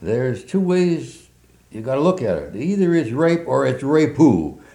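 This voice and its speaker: A folksy Southern judge with a thick Southern US drawl, pitched much higher than his own speech and booming out each slow, emphatic word, as an old man puts him on. His voice sounds mellow and a little distant in a roomy, echoey space. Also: very animated. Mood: lecturing. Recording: roomy echo.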